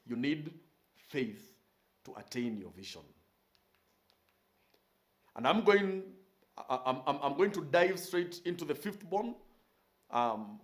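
A male pastor in his forties preaches in a small indoor studio, his voice sitting a little high for a man. He hammers home points by repeating key phrases, speaking with steady conviction as he gestures. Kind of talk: recorded sermon teaching. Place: indoor studio with purple curtain backdrop.

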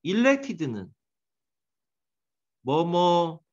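A man teaches English grammar to a classroom, his fairly high voice leaping around with animated swings. He quizzes and teases his students by name between points. The recording is dull and lo-fi. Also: extremely slow.

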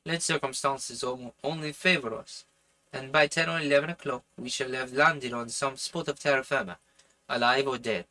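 A man's voice: medium pitch, fairly even intonation, moderate pace, bright, forceful tone, close to an everyday voice, low-quality recording. A man voicing a determined, impatient harpooner in an audiobook, with a put-on French accent and an urgent, resolute manner. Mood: defiant. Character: determined, impatient Canadian harpooner plotting escape. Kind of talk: audiobook character voice.

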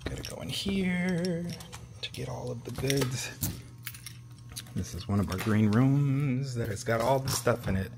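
A man talking through his day in a relaxed, chatty vlog, with easy fillers, into a handheld camera. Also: mid-range voice, a little slow, gravelly, background noise. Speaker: vlogger. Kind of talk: casual vlog narration.

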